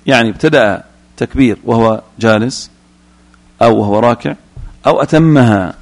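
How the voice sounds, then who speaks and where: A man's voice: medium pitch, gravelly. A man teaching Islamic jurisprudence, reading a line from a text and then explaining it, often putting questions to his students.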